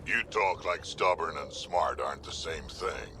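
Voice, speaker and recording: Grumpy old alien brute, defiant, gruff, deep, game character, over clearly noisy vehicle rumble. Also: male voice, a little slow. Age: older. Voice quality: gravelly. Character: grumpy, stubborn old male alien warrior, Krogan. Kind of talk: video game voice acting.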